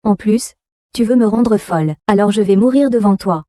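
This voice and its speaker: Mère âgée qui se lamente et gronde sans cesse, doublée par une femme, voix sombre. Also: female voice, mid-range voice, moderate pace, dark tone, no room sound, studio quality, close to an everyday voice. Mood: scolding. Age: older. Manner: wailing and scolding. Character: shrill older mother, greedy, melodramatic. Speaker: mother. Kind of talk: dubbed drama.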